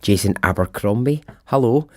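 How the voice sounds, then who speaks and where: A man's voice: on the low side, animated, moderate pace, mellow, dry recording. A man with a thick Scottish accent hosting a storytelling podcast in a chatty, informal, sweary way, close to the microphone. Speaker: podcast host.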